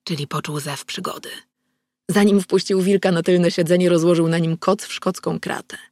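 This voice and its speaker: A woman narrating a novel in the first person at a steady, measured pace. Her voice has a gravelly grain. The recording is close and dry, without room echo. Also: on the low side. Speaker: audiobook narrator.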